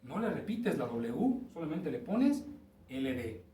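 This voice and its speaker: A man's voice: fairly high pitch, very animated, takes it slowly, dark tone, recorded from a distance, slight background noise. A man with a Mexican Spanish accent teaching an English lesson, explaining step by step and checking in with his students. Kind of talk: recorded class lesson. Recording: roomy, from off-mic with faint ambience.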